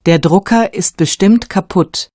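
A woman reading vocabulary aloud with clear pronunciation in a studio course recording. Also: medium pitch, unhurried, a little mellow, no room sound. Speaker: vocabulary reader. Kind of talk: scripted reading.

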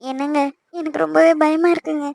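A woman voices a frightened young woman in a homemade cartoon, soft and pleading. Her voice sits very high and moves quickly. The sound is dry and close. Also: fairly even intonation, gravelly, no room sound. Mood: fearful. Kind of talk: amateur cartoon dubbing.

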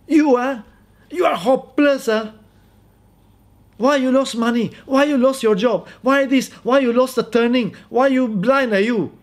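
A man voicing a demanding, scornful wife in a high mocking voice, with a Malaysian English accent. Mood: nagging. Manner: high mocking falsetto, drawn-out. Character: shrill scornful wife, grown woman, demanding.

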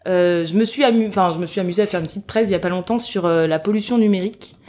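A woman's voice: lowish voice, racing, dark tone. Hesitant young woman explaining her work. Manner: hesitant, many fillers and restarts, laughs easily. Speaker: guest engineer. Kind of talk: casual podcast interview. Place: festival venue.

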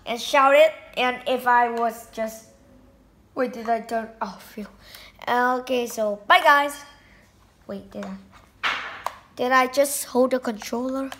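Bright-voiced woman unboxing a toy helicopter. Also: a little high, slow pace, long pauses. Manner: excited, exclaiming, talks to viewers as guys. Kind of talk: casual unboxing vlog. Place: indoors at home. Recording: echoey room, faint noise.

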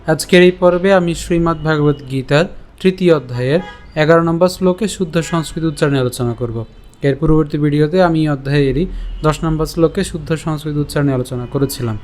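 A man with a slightly high voice gives an online recitation lesson. He explains how each syllable is pronounced, then recites and chants the verse slowly, sound by sound. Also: a little mellow, faint music behind. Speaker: Sanskrit recitation teacher.

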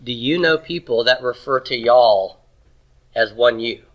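Speaking a little slowly in a mid-range voice, a man lectures on Hebrew grammar to a class in Texas. His manner is patient, explanatory and conversational, with the odd throat clearing. The recording has its high frequencies cut off.

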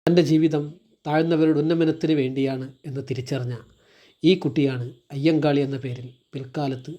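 A man reading a school textbook story aloud in measured, expressive storybook narration. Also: a little high.

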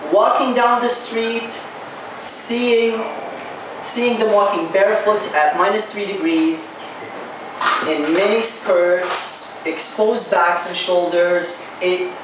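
A young man works through a stand-up set, stumbling over restarts and leaving drawn-out pauses. He talks into a handheld mic in a small bar, but the sound comes from a camera across the room. It is very roomy and distant, with a steady background noise. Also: high voice. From Saudi Arabia. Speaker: stand-up comedian. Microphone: handheld mic, recorded by far camera.

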